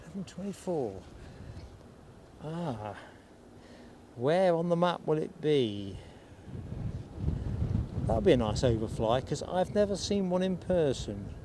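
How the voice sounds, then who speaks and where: A man's voice: fairly high pitch, very animated, slow, pauses often. A man hosting a live stream outdoors near an airport, chatting casually and reading out viewer comments. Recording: outdoor stream with clear background noise. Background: outdoor ambience and passing vehicles.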